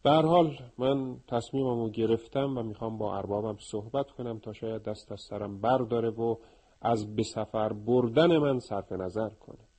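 A man's voice: on the low side, warm tone, breathy edge, poor audio. A man voicing a male animal who is worn out from endless journeys and speaks in a complaining, earnest way. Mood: wistful.

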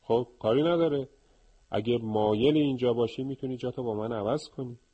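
A man voicing a male house peacock who is eager, envious and sharp-tongued, scolding in a raised voice. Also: medium pitch, breathy edge, muffled recording, lightly acted.

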